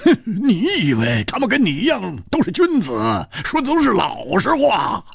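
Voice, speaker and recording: A man's voice: very high voice, big pitch swings, takes it slowly, gravelly, sharp tone, dry recording, clean studio sound, pitched above the performer's own voice, exaggerated voice. A male storyteller voicing a boisterous, mocking martial hero who laughs in scorn.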